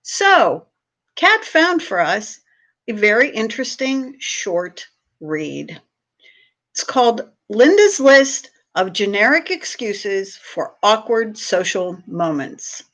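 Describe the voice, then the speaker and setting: Taking it slowly in a mid-range, sing-song voice with a fairly bright tone, a library staff member hosts a read-aloud. She gives a humorous short piece an expressive reading, full of playful, theatrical emphasis.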